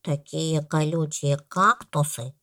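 A woman voicing a stubborn, literal-minded little elephant who speaks slowly and matter-of-factly. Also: low voice, full character voice. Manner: slow, flat, matter-of-fact.

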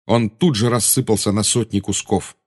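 A man narrating an audiobook in a measured, dramatic reading style. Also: lowish voice, steady tone, darkish tone.

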